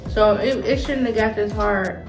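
An American woman in her thirties gives an informal, slangy food review while she eats, chatting casually. Her voice is mid-range and she speaks at normal speed. The home recording sounds roomy, with faint music.

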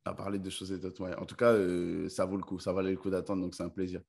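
A young man from France hosting a video-call interview, chatty and enthusiastic, from a bright room at home. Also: sits low, little pitch movement, fast, creaky. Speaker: interview host.

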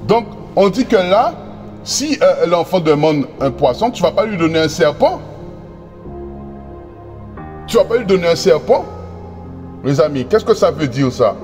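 A man preaching a sermon, reading scripture slowly and often stumbling over repeated words and fillers as he addresses his brothers and sisters. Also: on the high side, big pitch swings, darkish tone, big-room sound, soft background music. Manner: reads verses slowly and deliberately.

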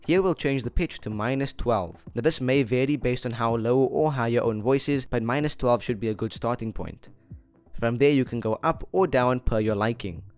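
A young man hosts a scripted yet casual video tutorial, speaking to viewers in a chummy, jokey way over background music. His voice is mid-range and a little mellow, at a normal speed.

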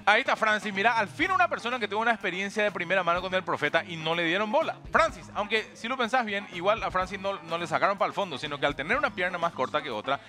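A man's voice: high-pitched, expressive, fast talker, few pauses, bright, forceful tone, faint music behind. A man with a Paraguayan accent hosting a satirical comedy show, reading out viewer comments with sarcastic, mock-serious asides. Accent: Paraguayan Spanish.

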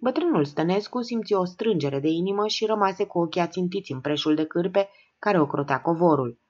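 A woman narrating an audiobook with an expressive, animated reading, on a dull lo-fi recording. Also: fairly low pitch. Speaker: audiobook reader. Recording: dull lo-fi sound.

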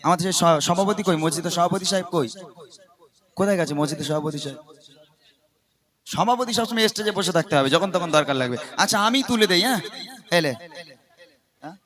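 A man, a devotional song singer, bantering playfully with children from a stage at a mosque gathering, teasing and joking as he gives quick commands. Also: high voice, fairly bright tone. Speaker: gojol singer performing on stage.

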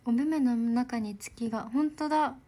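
Young woman idol streamer, bubbly and giggly, soft casual chat with viewers, voice on the higher side. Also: moderate pace. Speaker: idol livestreamer. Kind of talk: casual livestream chat reading comments.

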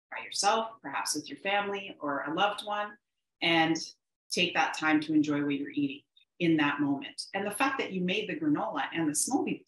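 A woman's voice: low-pitched, slight background noise. A woman presenting a live cooking demo from her home kitchen, chatty and upbeat with frequent ums. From Canada. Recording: roomy kitchen echo.

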